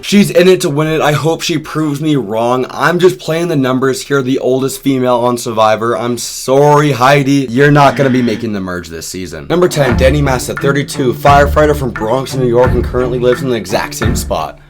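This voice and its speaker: A man's voice: medium pitch, soft background music. A man hosting a reaction video, giving chatty commentary over cast clips. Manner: chatty, talks over clips with quick asides.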